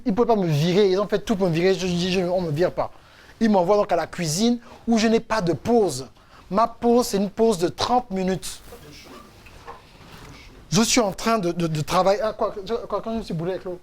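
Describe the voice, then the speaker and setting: Male coach, lively storyteller, faith testimony, mid-pitched. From France. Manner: animated storytelling, acts out quotes. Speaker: coach and speaker.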